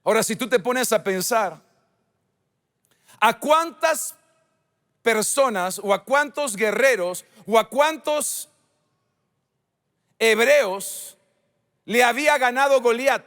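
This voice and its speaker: Pastor guy preaching slow and high, big echoey church hall. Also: fairly bright tone. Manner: preaching with emphatic swings in pitch and volume. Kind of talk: sermon.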